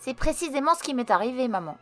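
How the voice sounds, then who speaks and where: A woman's voice: sits high, big pitch swings, fast, a bit bright, faint music behind, voice pushed up. A woman voicing a brave, kind young boy who talks earnestly.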